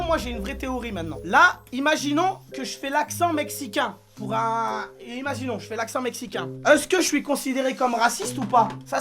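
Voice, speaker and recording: A brash young man chats with his live-stream audience, joking crudely and teasing the viewers. His voice sits fairly high for a man, and music plays clearly behind him. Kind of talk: casual live-stream chat.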